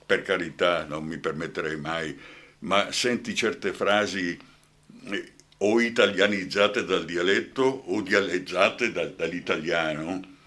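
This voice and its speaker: A man's voice: deep voice, slow pace, sharp tone. An older man with a Brescian accent, an actor guest in a radio interview, talking passionately and often asking "hai capito?".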